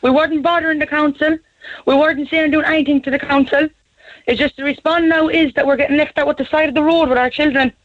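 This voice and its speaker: A woman's voice: high-pitched, fairly even intonation, quick pace. Anxious Irish woman calling in by phone. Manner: pleading, repeats "to be honest". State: anxious and shaken. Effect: heard over a phone line. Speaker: caller. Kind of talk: radio phone-in call. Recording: tinny phone line on radio.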